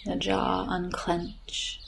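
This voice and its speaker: A woman guides a yoga nidra relaxation meditation, speaking very slowly, gently, and in a monotone. Her somewhat low voice crackles with vocal fry and often drifts into breathiness. Birds chirp faintly over a soft nature ambience behind her.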